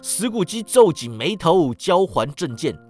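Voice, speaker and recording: A man reading a storybook aloud as a storyteller, animated and dropping in many interjections. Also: on the high side, unhurried, faint music behind.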